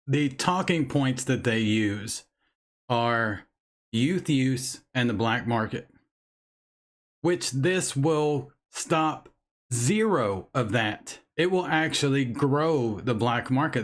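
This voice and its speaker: A man talks straight to his viewers in a casual live chat. He is blunt and angry and swears freely, and his voice sits at an ordinary middle pitch. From United States. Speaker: vape channel host. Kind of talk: casual livestream chat reading chat.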